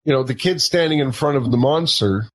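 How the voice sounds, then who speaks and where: A man's voice: medium pitch, a little fast. A middle-aged man telling a self-mocking anecdote as a guest, laughing often. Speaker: guest telling a touring story. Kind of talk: anecdotal storytelling.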